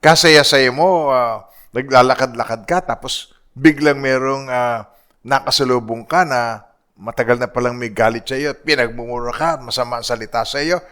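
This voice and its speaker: A man preaching a sermon as pastor, swinging between hushed asides and loud emphatic rises, often checking in with the congregation with rhetorical questions. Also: mid-range voice, normal speed, clean tone.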